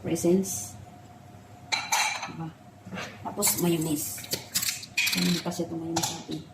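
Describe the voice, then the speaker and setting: A woman's voice: low-pitched, little pitch movement, slow pace, creaky, very noisy. A middle-aged woman chatting with her viewers while she cooks. She tells stories from her past, laughing and tearing up as she talks. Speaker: cooking vlogger. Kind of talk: casual cooking chat and personal storytelling.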